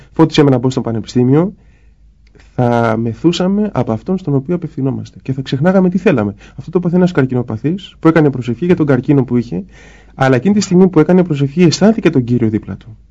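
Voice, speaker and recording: Man, priest, spiritual conversation, warm mellow tone, slightly high voice, explanatory, muffled recording. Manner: explanatory, acts out little dialogues. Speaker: Orthodox priest guest.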